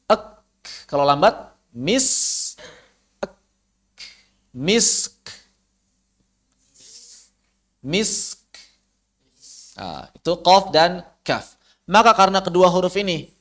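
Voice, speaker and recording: A man teaching Quranic recitation, explaining and slowly repeating letter sounds to demonstrate them. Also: a little high, fairly bright tone. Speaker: tajwid teacher. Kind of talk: recorded lesson on Quranic pronunciation.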